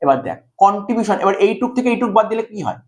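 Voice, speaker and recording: A man's voice: high voice, very animated, racing. A male commerce tutor with a Bengali accent, giving a whiteboard math lecture and coaxing students with constant checks that they follow. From India.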